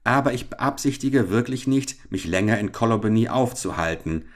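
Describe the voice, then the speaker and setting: A man voicing a bold, cheeky young adventurer who speaks coolly and briskly. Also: mid-range voice, expressive, voice pushed up, lightly acted. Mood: polite.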